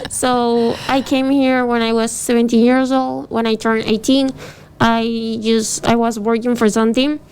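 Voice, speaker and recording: Young venezuelan woman guest, hesitant, raspy fry, slightly high voice. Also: level tone, unhurried, darkish tone, low-quality recording. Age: 20s. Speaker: guest, model. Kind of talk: casual interview. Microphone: phone.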